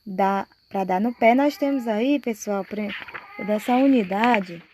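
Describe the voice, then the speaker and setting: A Brazilian woman teacher giving a slow, explanatory lesson to fourth graders and checking often that the class follows. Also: medium pitch, mellow, a little hiss or hum. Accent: Brazilian Portuguese.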